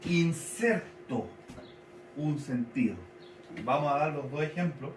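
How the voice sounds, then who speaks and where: A man gives a teaching sermon in a slightly higher voice, slowing down to repeat and spell out key words. He sounds set back from the mic in an echoey church hall, with faint noise underneath. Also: fairly even intonation, recorded from a distance. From Chile. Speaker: pastor.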